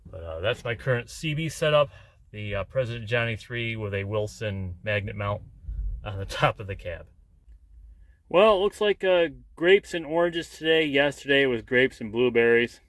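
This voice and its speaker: Sounding like a trucker filming a vlog in his cab, a man rambles casually and speaks plainly in easygoing vlog conversation. His pitch is medium, his intonation lively, and his pace moderate.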